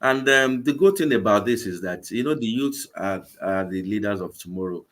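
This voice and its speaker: A man in his forties with a Nigerian English accent, earnest and repetitive as he speaks over a video call. His voice sits fairly low. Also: animated, normal speed, fairly bright tone. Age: 40s. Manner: earnest, repeats words often. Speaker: guest, vegan campaign organizer. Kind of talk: live interview.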